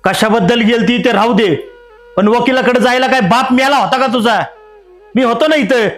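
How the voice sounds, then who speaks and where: An actor playing a proud, domineering father who scolds and shouts with contempt. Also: sits high, moderate pace, faint music behind, lightly acted. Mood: angry. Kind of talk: short drama acting.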